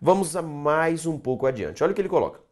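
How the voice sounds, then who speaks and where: Guy teaching grammar for exams, voice jumps up and down a lot, drags out words while he splits them. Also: fairly high pitch. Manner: lively, drawn-out syllables, rhetorical questions. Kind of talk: exam-prep grammar lesson.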